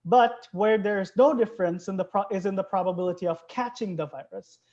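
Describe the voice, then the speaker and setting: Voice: mid-range voice, fairly quick, darkish tone. A biologist from Bangladesh, a guest in an interview, explaining things in an earnest way. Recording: dull lo-fi recording.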